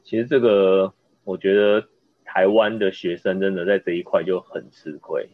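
A man from Taiwan hosting a casual interview podcast, telling stories in a chatty, animated way. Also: deep voice, normal speed, dry recording. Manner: storytelling, animated when recounting anecdotes. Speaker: podcast host. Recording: dull lo-fi sound.

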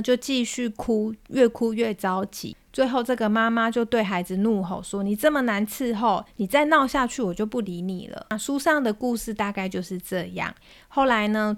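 A woman in her thirties with a Taiwanese Mandarin accent, hosting a parenting podcast and gently retelling a story with reflections. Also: medium pitch.

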